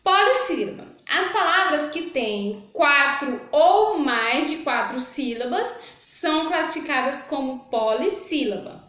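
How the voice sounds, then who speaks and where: Brazilian woman, a primary teacher, higher voice, patient and repetitive, recorded in a very echoey room. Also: animated, measured pace, few pauses, bright, forceful tone. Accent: Brazilian Portuguese. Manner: patient, repetitive, checks in with "tá?" after each point. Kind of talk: recorded remote lesson. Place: room with a whiteboard.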